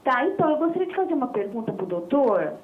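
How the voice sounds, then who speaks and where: Give me a hesitant woman in her forties calling in over the phone, with a high voice. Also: sing-song, quick pace. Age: 40s. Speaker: caller. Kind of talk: casual question to a doctor. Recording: tinny phone line.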